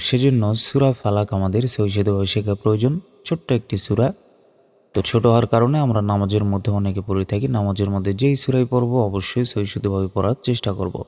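Slow, steady male Quran teacher. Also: on the low side. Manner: spells out letters and vowel marks, slow drawn-out Arabic recitation. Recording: long hall reverb.

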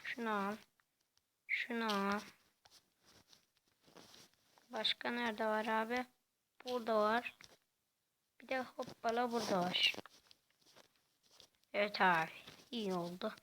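A woman giving casual, quiet gameplay commentary in a soft, halting way. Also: on the high side, steady tone, a little hiss or hum. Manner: talks quietly and softly; halting, hesitant delivery. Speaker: gaming channel host.

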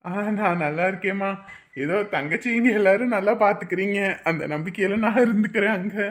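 A woman in a family drama, talking gently and reassuringly. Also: mid-range voice, fairly quick, lightly acted. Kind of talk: dubbed family serial drama.

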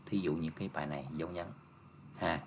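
A male teacher goes through an exam review step by step, patient, ending phrases with soft tags. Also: a bass voice, steady tone, fast talker, vocal fry, a little hiss or hum. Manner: patient, explains step by step, ends phrases with "ha" and "nha".

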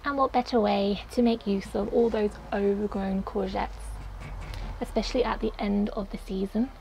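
A young woman explains her cooking as she goes, relaxed and chatty. Her voice has a light vocal fry. She is recorded by a nearby camera in a small garden shed kitchen, with faint outdoor noise behind her. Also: medium pitch, rough recording. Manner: chatty, explains each step while cooking. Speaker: cooking vlogger. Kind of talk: casual cooking demonstration.

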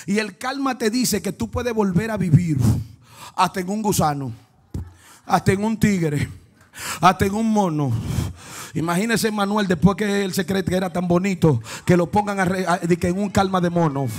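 A male pastor preaching a sermon, moving between quiet storytelling and shouted, chanting praise aimed at the congregation. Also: high voice, normal speed. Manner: calls out to the congregation and cries out "woo".

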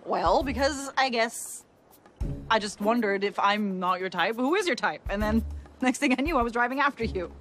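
A woman's voice: fairly high pitch, expressive, normal speed. An actress in her thirties playing a flustered, infatuated woman who rambles in panic in a TV comedy-drama. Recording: loud music under dialogue.

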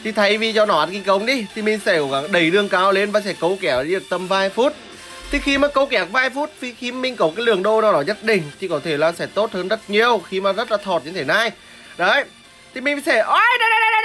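A woman's voice: mid-range voice, a bit bright. A woman giving live gameplay commentary, explaining her strategy and crying out and repeating words during fights. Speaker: gameplay streamer.

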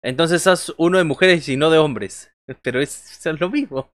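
A wrestling livestream features a man in his thirties commentating casually from a small bedroom, cracking jokes, talking with viewers, responding to chat, and calling moves. He speaks at normal speed in a slightly high, fairly bright voice, with no echo.

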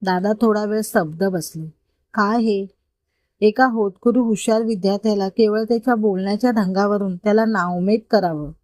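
A woman narrating an emotional family story in a steady, expressive reading. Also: mid-range voice, brisk, hardly any pauses, dry recording.

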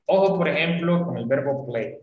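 A man's voice: on the high side, animated, moderate pace, echoey room, dull audio. A man teaching an online English class, explaining patiently and often checking that students follow. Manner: patient, often checks understanding with tag questions.

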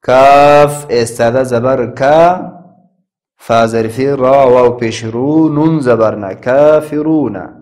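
A man with an Afghan Dari accent teaching a Quran class, spelling out letters and vowels slowly and chanting the verses. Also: medium pitch, a little mellow. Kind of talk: classroom recitation lesson.

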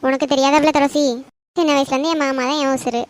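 A woman's voice: high voice, level tone, fast, slight background noise, natural voice. A woman voicing an earnest young village woman in love, chatty, with a southern Tamil accent. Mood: dreamy.

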